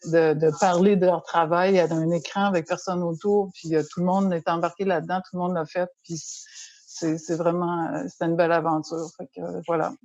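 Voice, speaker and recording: Quebec-accented woman, slightly low pitch, hesitant casual talk, dull dry recording. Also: flat delivery, fairly quick, darkish tone, dry recording. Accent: Quebec French. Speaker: festival organizer. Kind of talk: casual unscripted chat.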